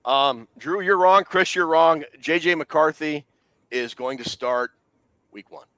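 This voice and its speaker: Guy running a sports podcast, kinda high voice, dry close sound, likes to tease the other guys. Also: takes it slowly, a bit bright, smooth, dry recording. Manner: leads the discussion, teasing and quizzing co-hosts. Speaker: podcast co-host. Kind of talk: casual sports talk.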